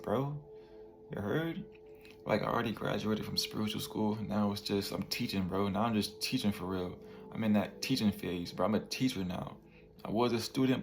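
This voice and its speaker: Gravelly low-voiced man in his twenties. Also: a little hiss or hum. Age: 20s. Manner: laid-back slang, peppers talk with "bro" and "you feel me". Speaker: vlogger. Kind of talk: casual motivational monologue.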